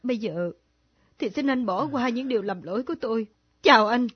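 A woman's voice: fairly high pitch, expressive, brisk, husky. An actress playing a grieving widow in her thirties who confesses a secret love with earnest pleading, in a radio drama. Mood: remorseful. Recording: dull lo-fi old radio recording.

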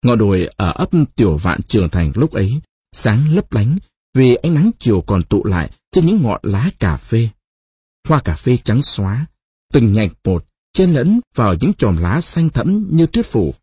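Audiobook narrator, male, dramatic husky storyteller, close dry sound. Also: mid-range voice, very animated, a little slow, dark tone, dry recording, lo-fi sound. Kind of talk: audiobook reading of a novel.

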